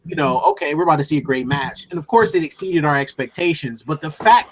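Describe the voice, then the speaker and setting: A man co-hosting a casual podcast chat, telling an animated, jokey story. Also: on the high side, fast, slight background noise. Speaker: co-host.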